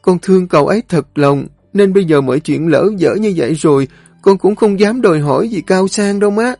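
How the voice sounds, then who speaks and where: A woman's voice: lowish voice, lively intonation, brisk, dark tone, no echo, faint music behind, voice pushed up. Guy putting on a sobbing girl pleading with her mom, dry close sound. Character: tearful pleading young daughter.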